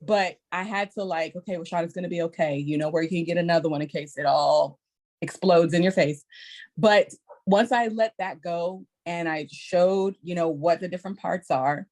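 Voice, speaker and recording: A woman educator telling a story on a podcast in a lively, animated way, acting out children's voices. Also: on the low side, normal speed. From Texas. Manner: lively, acts out kids' voices with squeals. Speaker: early childhood educator guest.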